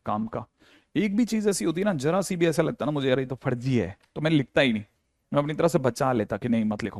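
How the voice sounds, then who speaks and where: A man's voice: medium pitch, dry recording, studio quality. A man teaching a maths class, playful and repetitive, talking straight to his students. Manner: playful, repeats key phrases, addresses students directly. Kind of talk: classroom lecture.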